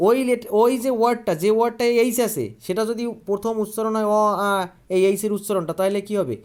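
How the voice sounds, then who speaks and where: A man's voice: high-pitched, steady tone, fast talker, a little mellow. A man teaching an online grammar lesson. He asks questions, answers them himself and repeats key words.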